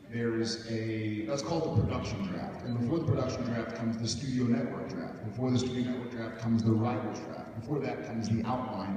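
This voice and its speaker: A man chatting on a fan convention panel, playful and rambling as he explains things. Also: mid-range voice. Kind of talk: casual joking panel talk. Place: large convention hall. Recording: echoey hall from far off, very noisy.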